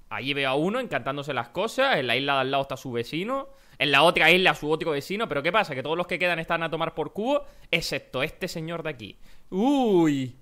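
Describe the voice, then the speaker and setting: A young man, commentating his own Minecraft match in a rambling, excitable way and breaking into frantic shouts. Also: fairly high pitch. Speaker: gaming YouTuber.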